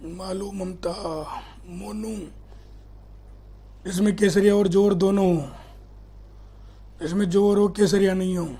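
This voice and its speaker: A man's voice: high voice, level tone, slow, pauses often, mellow, slightly rough. A middle-aged man with a Rajasthani accent, teaching history in a live online class, reading out student comments and quizzing them in a chatty, teasing way.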